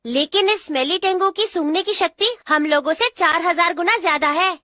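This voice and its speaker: A confident boy inventor, high and bright, dry studio dub. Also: normal speed, no room sound. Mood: explaining. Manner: confident, explaining. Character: clever inventor boy Kiteretsu, calm and knowing. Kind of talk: Hindi cartoon dub.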